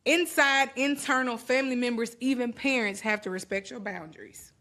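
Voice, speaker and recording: A woman's voice: on the high side, normal speed, a crowd in the background. A woman co-hosting a casual podcast panel, speaking firmly and directly. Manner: firm, direct, emphatic about boundaries. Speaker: podcast co-host.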